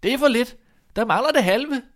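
A man's voice: on the high side, very animated. A man voicing a fearless, cocky young lad in a storybook reading, answering boldly and cheekily. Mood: cheerful. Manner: bright, bold, cheeky replies.

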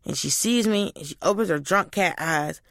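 A woman telling stories in a casual chat, animated, jumping into high squeaky voices for the people she quotes. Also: normal speed, gravelly, dry recording, clean studio sound. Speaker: guest.

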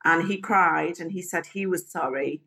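A woman's voice: lowish voice, normal speed, vocal fry, sharp tone. A woman, an interview guest telling her life story frankly and chattily. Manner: frank, chatty, mimics people when quoting them. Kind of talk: candid personal storytelling.

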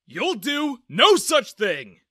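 A man's voice: high-pitched, very animated, takes it slowly, pushed and bright, no room sound, studio quality, pitched above the performer's own voice, exaggerated voice. A man voicing a worried, stern father who speaks in a firm, forbidding way.

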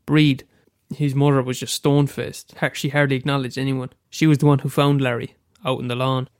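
Here a young Irish man with a head cold, an amateur storyteller, reads aloud his own short story following a hesitant, casual introduction. His medium-pitched voice is brisk, clear and resonant with little pitch movement, in a dry recording of studio quality.

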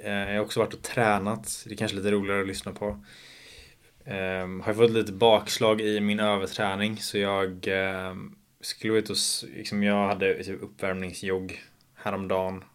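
A young man in his twenties, slightly hoarse from shouting, talking alone in a casual monologue podcast, rambling with many fillers and casual swearing. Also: lowish voice. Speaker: podcast host.

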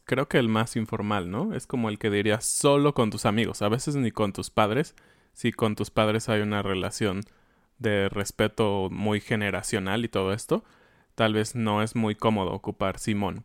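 A man with a Mexican accent who explains slang in a casual lesson, often agreeing with a quick "ujú". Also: on the low side, no room sound, studio quality. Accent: Mexican Spanish. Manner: affirming with frequent "ujú", explanatory. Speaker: Spanish teacher.

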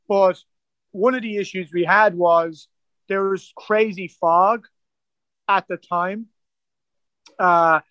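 High-voiced Irish man, rambling story. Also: a bit bright, clean tone, no room sound, highs cut off. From Ireland. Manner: rambling, full of "like" and "kinda" fillers. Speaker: guest, ocean rower. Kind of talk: casual storytelling interview.

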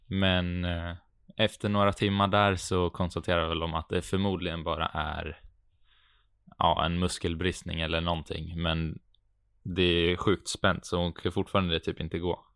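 A man's voice: deep voice, level tone, fairly bright tone, smooth, no room sound, clean studio sound. A man with a Stockholm accent in Swedish, chatting casually as a podcast co-host. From Avesta, Dalarna, Sweden. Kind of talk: casual chat.

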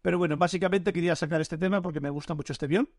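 Man, podcast co-host, fast talker, slightly high voice, enthusiastic, swearing, dry sound. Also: fairly even intonation, a little mellow, no echo. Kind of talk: casual podcast chat.

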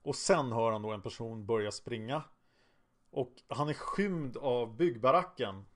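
A man's voice: medium pitch, a bit bright. Casual male true-crime storyteller. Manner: conversational, with hesitant fillers and restarts. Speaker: podcast narrator.

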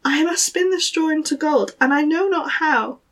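A woman's voice: high-pitched, normal speed, a bit bright, pitched above the performer's own voice. A woman voicing a poor young miller's daughter who pleads in a raised, plaintive voice.

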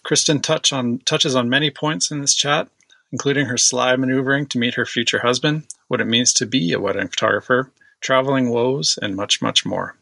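Gravelly bright-voiced man announcing. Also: medium pitch, fairly even intonation, brisk, dry recording. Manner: enthusiastic, reading. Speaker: podcast announcer. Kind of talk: scripted introduction.

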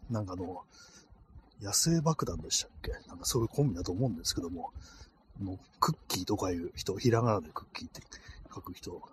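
A low-voiced man with lively intonation speaks fast, rambling with many fillers through his casual solo podcast. He walks a street at night, talking into a phone held in cold hands. The recording carries faint outdoor street ambience and a little hiss or hum.

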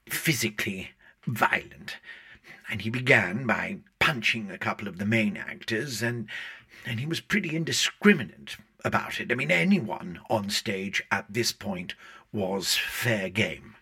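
A pompous, theatrical drama-club man, talking in a formal, grandly measured way in a mockumentary interview. His voice has a husky edge. It is pushed with a tense, forceful brightness. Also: fairly low pitch, exaggerated voice.

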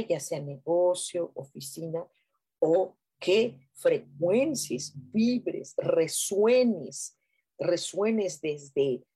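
A Mexican woman hosting a casual live stream, chatting playfully and reading out comments from viewers. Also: on the low side. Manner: playful, chatty, breathy hushed guiding. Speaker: host of a live spiritual stream.

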